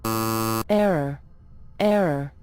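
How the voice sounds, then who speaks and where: A woman's voice made into a glitching computer voice of a secret archive, with a deep robot filter and flat, clipped announcements. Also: extremely slow, heavily acted. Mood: cold. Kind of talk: scripted narration.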